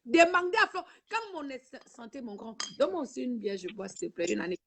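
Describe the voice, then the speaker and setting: A woman's voice: on the high side, expressive, quick pace, creaky, darkish tone, husky. A woman hosting a live video stream, talking to the camera in an emotional, preachy and repetitive way. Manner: preachy, repetitive, keeps saying "ma fille". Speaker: livestream host. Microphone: own camera.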